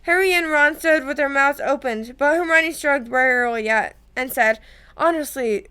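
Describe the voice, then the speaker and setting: A woman with a high, bright voice reads a novel aloud for her channel. She keeps it casual, tripping over words and fixing them as she goes. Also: normal speed. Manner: casual, frequent slips and self-corrections. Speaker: reader.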